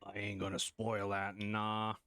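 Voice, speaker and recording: A man's voice: on the low side, monotone, measured pace, pushed and bright, no echo. A man chatting casually to himself as he plays a video game on stream, with mumbled asides. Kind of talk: casual gameplay commentary.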